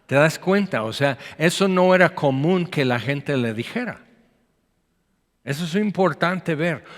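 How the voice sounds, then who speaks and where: A man, preaching a sermon in a chatty style, reading scripture and breaking into acted quotes. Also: a little high. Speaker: pastor. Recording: long hall reverb.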